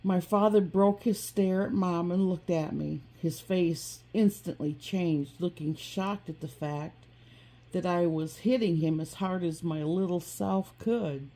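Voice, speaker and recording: Slow, somber woman recalling her childhood. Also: on the low side. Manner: slow, soft and somber, with occasional restarts. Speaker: personal storyteller. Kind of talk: first-person memoir narration.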